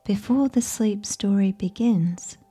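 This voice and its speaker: A woman tells a bedtime sleep story in a soft, whispery ASMR voice of medium pitch, breathy and close to the listener's ear. Her delivery is slow, soothing and gentle.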